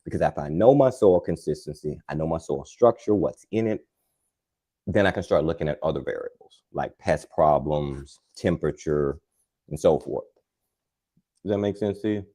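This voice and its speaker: A man hosting a live gardening demo, talking in a calm, soothing, chatty way. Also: a bass voice, moderate pace. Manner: chatty and rambling, with many fillers. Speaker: gardening channel host. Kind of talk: live repotting demo, casual chat.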